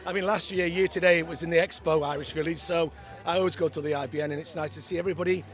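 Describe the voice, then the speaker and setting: Fast, high-pitched older man. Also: steady tone. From Blackpool, England. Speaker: event attendee being interviewed. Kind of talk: casual chat.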